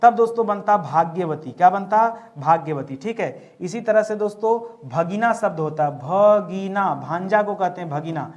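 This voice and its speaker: High-voiced man teaching a grammar lesson. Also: expressive, normal speed, hardly any pauses, darkish tone, dull audio. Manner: repeats questions back to the viewers, calling them friends. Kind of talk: exam-prep grammar lesson.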